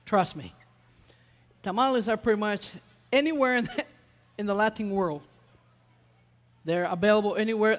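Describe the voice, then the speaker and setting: An Ecuadorian chef runs a live cooking demonstration, his voice pitched high for a man. He's chatty but hesitant, filling pauses with lots of "uh." A festival hall gives the sound a long, ringing reverb.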